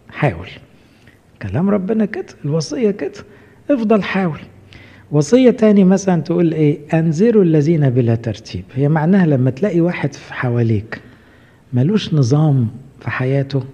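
A man's voice: a little high, mellow, slightly rough. A man with an Egyptian Arabic accent, a priest giving a conversational sermon and often asking his listeners questions. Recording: muffled hall recording with long reverb.

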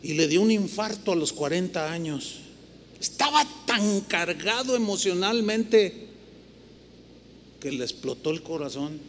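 A high-voiced, middle-aged Mexican pastor preaching from the pulpit. He tells animated stories and acts out the other people in them. His voice rings through a big hall with a long echo and faint noise behind. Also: measured pace. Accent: Mexican Spanish. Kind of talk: sermon. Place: church hall with long reverb.

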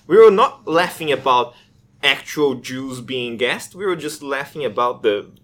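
A man's voice: medium pitch, animated, unhurried, a bit bright. A man in a casual group discussion, making his argument and often ending with "right?". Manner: argumentative, ends points with "right?". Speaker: discussion participant.

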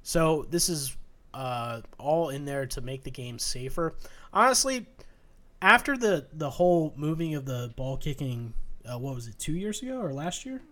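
Halting young man in casual sports chat. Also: fairly high pitch, lively intonation, fairly bright tone. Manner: halting, many restarts and fillers. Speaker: podcast co-host.

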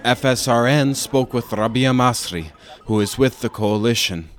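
A male field reporter narrating a news report in a measured, even way. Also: mid-range voice.

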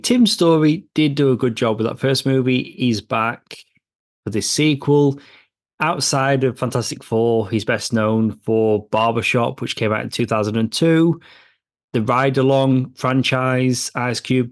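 Guy co-hosting a movie podcast, easygoing chat, mid pitch. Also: unhurried. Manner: chatty, with filler and restarts. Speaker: podcast co-host. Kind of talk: casual film discussion.

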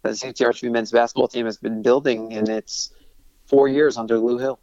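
A man's voice: medium pitch, steady tone, brisk, a little mellow, no echo. Enthusiastic man talking sports, muffled sound. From Long Island, New York. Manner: enthusiastic, many restarts and fillers. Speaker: sports broadcaster guest. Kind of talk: casual interview talk.

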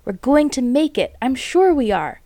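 Woman doing a storybook father fox, a bit higher, urgent and breathless, dry close sound. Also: big pitch swings, normal speed, mellow, no echo. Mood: hopeful. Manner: breathless urging. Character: determined father fox leading his family.

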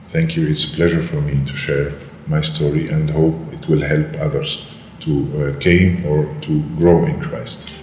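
Man with a disguised, very deep slowed voice. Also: level tone. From North Africa. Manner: halting, searching for words. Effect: voice disguised, pitched very deep and slowed. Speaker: church leader. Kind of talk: interview answers. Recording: dull, roomy audio with long reverb and faint noise.

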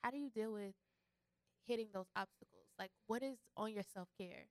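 A woman's voice: mid-range voice, normal speed, no echo. A woman hosting a studio interview, encouraging and affirming her guest. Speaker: podcast host.

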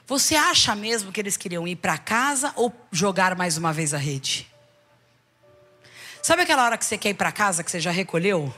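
A middle-aged Brazilian woman bishop preaching to a congregation, animated, with rhetorical questions and calls for the people to repeat after her. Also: mid-range voice, brisk, soft background music. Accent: Brazilian Portuguese. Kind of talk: sermon.

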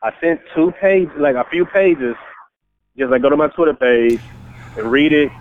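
Halting man on a tinny phone line. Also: fairly high pitch, a little hiss or hum. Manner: halting, repeats words, many fillers. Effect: heard over a phone line. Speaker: caller pitching his book. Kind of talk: casual phone conversation.

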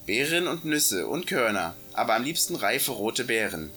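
A small, stubborn boy field mouse from a radio play, as a woman narrator puts him on, with a strikingly low voice that swings up and down. He sounds bright and sharp, and faint music plays behind him. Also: sing-song, moderate pace, heavily acted. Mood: earnest. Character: small brave young male field mouse, indignant.

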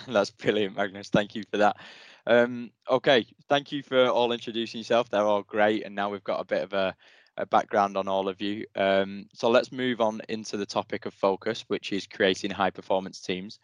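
A man hosting a panel podcast, introducing guests with polite, brisk remarks. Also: fairly low pitch, steady tone, no room sound. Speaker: podcast host.

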